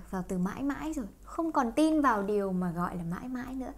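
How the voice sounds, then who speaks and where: High-voiced woman teaching English through songs. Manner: switches between explaining and singing along. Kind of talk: song-based English lesson.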